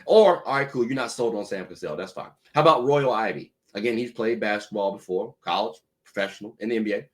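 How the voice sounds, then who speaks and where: A man's voice: fairly low pitch, fast talker, hardly any pauses. A man hosting a podcast, giving casual, opinionated sports talk straight to his listeners. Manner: conversational, opinionated, addresses listeners as ladies and gentlemen. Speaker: podcast host. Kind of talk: solo sports talk commentary.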